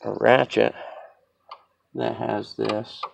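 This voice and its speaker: In a casual how-to shot outdoors on a sloping yard, a home mechanic demonstrates a car repair, sniffling through a stuffy cold with chatty, rambling, self-deprecating talk. His lowish voice is creaky and flat, delivered very slowly. The background is noisy.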